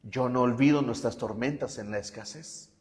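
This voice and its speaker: A man's voice: mid-range voice, moderate pace, darkish tone, big-room sound. A male pastor preaching a sermon with emphasis, often asking the congregation whether they follow him.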